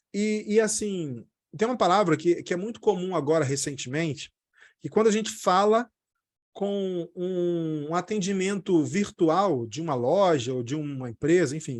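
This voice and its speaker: Man teaching English words, fairly high voice. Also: a little mellow. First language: Portuguese. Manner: explains in Portuguese, says English words slowly and repeats them. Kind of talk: casual spoken lesson.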